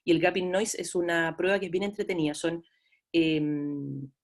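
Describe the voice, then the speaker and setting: A woman's voice: on the low side, steady tone, normal speed. Chilean woman lecturing in a chatty way. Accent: Chilean Spanish. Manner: chatty, addresses students as "chiquillos", frequent fillers. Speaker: lecturer in audiology. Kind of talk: online class lecture.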